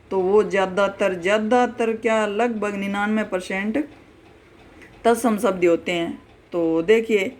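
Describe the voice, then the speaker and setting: A woman teaching an online exam-prep lesson, explaining patiently, repeating words and examples, and calling her viewers friends. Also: mid-range voice. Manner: spells out word pairs slowly.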